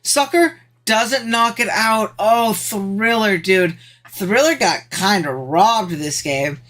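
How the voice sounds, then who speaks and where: A streamer gives slangy, excitable play-by-play of a game match, talking slowly, and the voice leaps upward whenever something thrilling happens.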